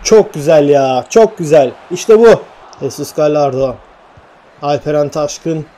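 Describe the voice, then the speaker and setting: A young man calls the action of his own football video game match with excitement, shifting from calm narration to shouting when chances slip away. His voice sits a little high and he speaks unhurriedly, with faint game music playing behind him.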